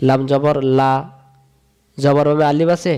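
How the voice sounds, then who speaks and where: A man leads a patient reading lesson, his voice sitting a little high. He repeats each rule in a sing-song chant and stretches the syllables out slowly so learners can follow. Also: little pitch movement, a little mellow, clear, resonant tone. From Bangladesh. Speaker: Quran reading teacher. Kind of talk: step-by-step recitation lesson.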